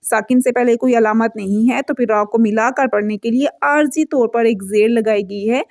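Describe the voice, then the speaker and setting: A fairly high-voiced woman teaching Quran recitation, patient and repetitive, slowing right down to chant each example verse. She explains each rule step by step in a close, dry recording with no room sound. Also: a little mellow, no echo. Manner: patient, repeats points, stretches recited verses slowly.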